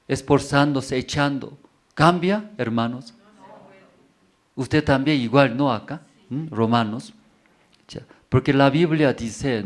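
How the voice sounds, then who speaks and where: A male pastor preaching a sermon in simple, broken Spanish, repeating phrases for emphasis and asking the congregation rhetorical questions. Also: medium pitch.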